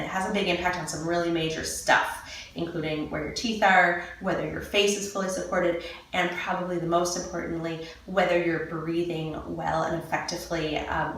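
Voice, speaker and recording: Echoey, low-voiced woman coach. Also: a bit bright, a little hiss or hum. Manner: demonstrates mouth sounds slowly. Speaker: movement coach. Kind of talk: casual instructional talk. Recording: echoey room, mic at a distance.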